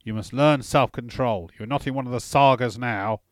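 A man voicing a gruff veteran warrior in his late forties who barks stern instructions at boys. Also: a little fast, no echo, clean studio sound, lightly acted. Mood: stern instructing. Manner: booming, stern drill instructor.

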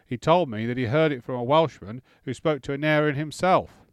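A man voicing a drunk, boastful middle-aged lord who slurs his words and gossips loudly. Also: medium pitch, brisk, smooth, no room sound, pitched above the performer's own voice, lightly acted. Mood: boozy, boastful. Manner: slurring, loud, gossipy.

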